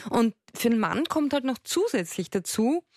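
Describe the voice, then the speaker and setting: A woman psychotherapist giving calm, measured advice on a radio show. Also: fairly high pitch, dry recording, clean studio sound. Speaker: psychotherapist guest. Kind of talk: advice call-in talk.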